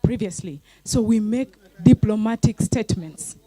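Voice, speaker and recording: Dark-voiced woman pressing questions. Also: fairly high pitch, normal speed, breathy edge, no echo. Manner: pressing, rhetorical questioning with restarts. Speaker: youth forum participant. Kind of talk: questions at a panel discussion.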